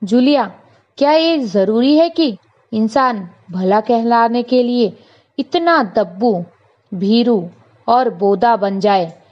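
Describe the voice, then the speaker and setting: A woman voicing a stern male employer who loudly scolds and then lectures a timid servant, in a read-aloud lesson. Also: a little high, animated, slow pace. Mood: firm lecturing. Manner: loud, raised, indignant lecturing. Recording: dull lo-fi recording.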